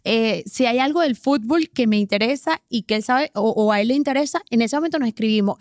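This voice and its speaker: A woman in her forties from Venezuela, telling her life story as an interview guest with lively, emphatic bursts. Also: on the high side, dry recording, clean studio sound. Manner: animated, emphatic, talks in quick bursts. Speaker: interview guest, sports presenter.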